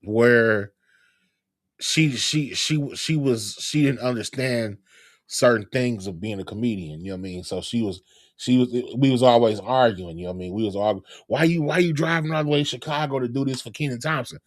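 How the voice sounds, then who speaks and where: A man's voice: mid-range voice, normal speed, no echo, clean studio sound. Laid-back rambling man talk-show host. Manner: relaxed, rambling, lots of fillers. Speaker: podcast host, comedian. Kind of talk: casual chat.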